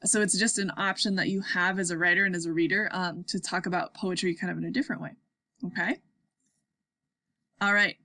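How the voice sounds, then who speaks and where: A woman's voice: fairly low pitch, fairly even intonation, a little fast, bright, forceful tone, no echo, clean studio sound. A young woman teaching sixth-graders in a casual online lesson, upbeat and chatty, often checking in with her class.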